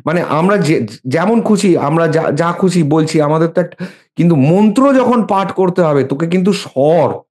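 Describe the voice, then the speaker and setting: A man's voice: a little high, expressive, moderate pace, a little mellow. A middle-aged man explaining mantras in a casual, emphatic way, sometimes chanting lines as examples.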